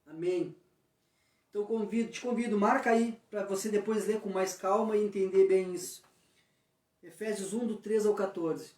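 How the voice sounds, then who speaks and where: A man's voice: high-pitched, steady tone, moderate pace, darkish tone. A man leading a weekly Bible study, earnestly explaining scripture and praying, often asking listeners "Amém?". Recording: echoey, from far off the mic.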